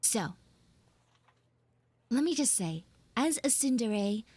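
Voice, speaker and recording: A VTuber livestream host chats casually with her viewers, roleplaying and telling stories in an informal, exclamatory, expressive way. Her voice is a little high, animated and husky with a dark tone, and she speaks at a slow pace. There's no echo in the recording.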